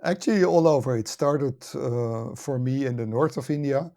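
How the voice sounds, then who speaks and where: A Dutch academy director and author, middle-aged or older, is a guest on a podcast and explains things in a measured, conversational way. He speaks with a Dutch accent in a medium-pitched voice with a dark tone.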